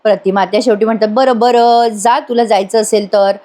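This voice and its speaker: A woman's voice: fairly high pitch, steady tone, moderate pace, mellow. A woman giving a voice-over recap of a TV serial episode, briefly voicing each character's lines as she retells the scenes. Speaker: TV serial reviewer.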